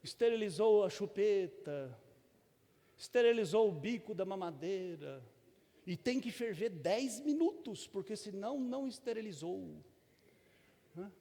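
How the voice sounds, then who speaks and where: Speaking at a measured pace, a middle-aged Brazilian man preaches as pastor with a high-pitched, expressive, warm voice. He's conversational and down-to-earth, using touches of humor and frequent tag questions. The church sanctuary gives the recording a long reverb.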